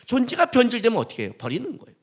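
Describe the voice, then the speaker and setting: A man's voice: extremely high pitch, very fast, husky. A male pastor preaching a sermon in a church, telling stories in casual everyday speech and joking with the congregation. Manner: animated, joking, colloquial storytelling with acted quotes.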